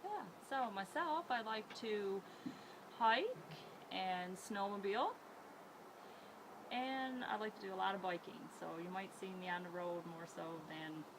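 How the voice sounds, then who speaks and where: A woman's voice: mid-range voice, expressive, a little slow. Woman, 30s, friendly, plain-spoken, noisy background. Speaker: teacher, council candidate. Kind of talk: interview answer.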